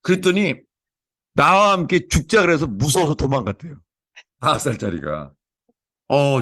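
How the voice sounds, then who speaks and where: Male pastor, sermon delivery, earnest storyteller, medium pitch, dry close sound. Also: dry recording. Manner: earnest, storytelling, many repetitions. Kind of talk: sermon with opening prayer.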